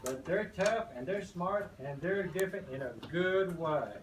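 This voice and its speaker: A man's voice: high voice, a little slow. Protective, proud mama hen, played by an older man in grandpa voice, picture-book reading, distant noisy mic. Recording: roomy, distant microphone, noisy background.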